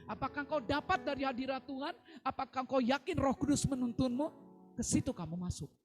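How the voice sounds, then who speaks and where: Woman pastor preaching on a zoom call, tells stories and acts out people, soft music behind. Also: high voice, a little fast. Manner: storytelling, quoting people in changing voices. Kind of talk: sermon over a live video call.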